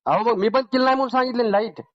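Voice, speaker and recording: A man's voice: very high voice, rapid-fire, no echo. Defensive lineman answering over a phone line. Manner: defensive, insistently repeating himself. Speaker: electricity lineman. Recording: muffled, dry phone call recording.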